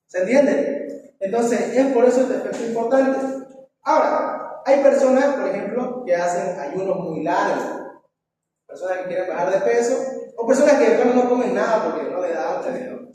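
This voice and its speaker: A man with a high, dark-toned voice leads a classroom review, quizzing students and adding a questioning "¿no?" to his lines. The recording sounds far away, with hall echo and faint background noise.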